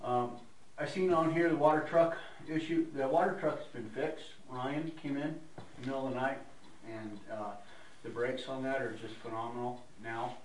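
A man's voice: mid-range voice, fairly even intonation, moderate pace. A man giving an informal, rambling report at a meeting, with frequent restarts and fillers. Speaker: staff member reporting at a meeting. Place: meeting room. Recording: echoey room, distant mic, background noise.

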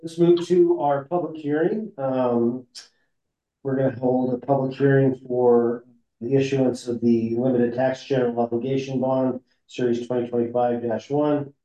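A man with a very dark, mellow tone runs a board meeting step by step, pausing on uh and um. His voice comes over a remote call line, muffled and roomy. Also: medium pitch, fairly even intonation. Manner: measured, with frequent uh and um fillers. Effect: heard over a remote call line that breaks up. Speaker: district counsel chairing a board meeting. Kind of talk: formal procedural meeting chairing. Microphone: remote call audio. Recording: muffled echoey call audio.

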